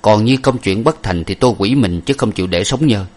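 Guy doing a grave young masked gentleman, lowish voice, calm and measured. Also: close to an everyday voice. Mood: solemn. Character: earnest young masked gentleman hero, solemn.

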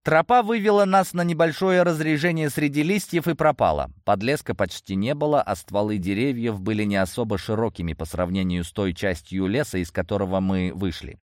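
A man reading a fantasy game novel aloud in the first person, with wry, expressive storytelling. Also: lowish voice, fairly quick, few pauses, no echo, studio quality. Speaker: audiobook narrator. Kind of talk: first-person audiobook narration.

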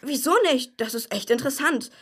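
In a children's radio play, a young performer voices a chatty, cocky boy superhero who loves explaining, breezy, eager and casual. The voice is high, exaggerated, a little fast and bright with a breathy edge.

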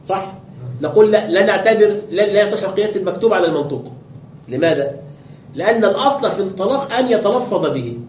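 Fast-talking sheikh in roomy lecture hall. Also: male voice, high voice, darkish tone. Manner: explains step by step, asks rhetorical questions. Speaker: sheikh teaching tafsir and fiqh. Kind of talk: classroom lecture with questions. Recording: dull roomy lecture recording, faint noise.

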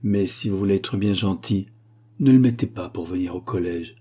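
A man voicing a poor, grieving male schoolteacher who pleads softly and sadly in a husky voice. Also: low-pitched, normal speed. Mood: sorrowful. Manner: soft, sorrowful pleading.

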